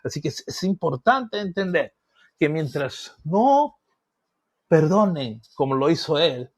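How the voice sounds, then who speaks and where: A man's voice: on the high side, sing-song, measured pace. A middle-aged male pastor preaching a teaching sermon, acting out voices and objections with emphatic bursts.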